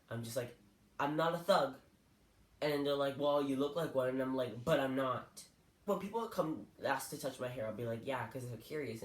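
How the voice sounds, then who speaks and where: A young man from Canada telling personal stories to camera in an earnest, hurt, candid way. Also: medium pitch. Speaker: vlogger. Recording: echoey room.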